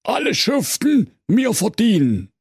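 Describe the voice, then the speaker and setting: A man's voice: high-pitched, huge pitch swings, unhurried, slightly rough, no echo, clean studio sound, full character voice. A man voicing a naive, muddled fairy-tale brother who rambles and bumbles through his complaints. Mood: bumbling.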